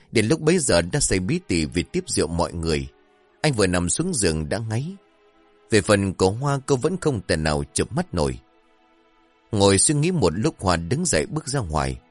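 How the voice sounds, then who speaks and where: A man narrating a scripted horror story in a dramatic, suspenseful way. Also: fairly low pitch.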